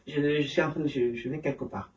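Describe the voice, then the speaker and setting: A woman giving an emotional personal testimony in an interview, halting, with many fillers and restarts. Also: sits low, fairly even intonation, a little mellow. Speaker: interview guest. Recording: roomy sound from a distance.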